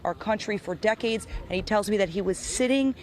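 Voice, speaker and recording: A woman's voice: mid-range voice, fairly quick, darkish tone. A woman working as a news reporter, delivering live field reporting and scripted narration.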